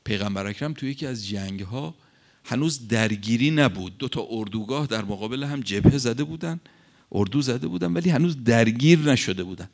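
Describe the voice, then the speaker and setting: Gravelly man preaching with big swings. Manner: animated, pitch swinging widely from low to high. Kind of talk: sermon with a retold story.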